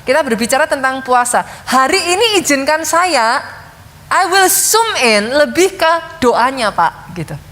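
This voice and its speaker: Woman pastor, high voice, lively sermon storytelling, long hall reverb. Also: a little slow. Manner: lively storytelling, addresses congregation often. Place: large church hall.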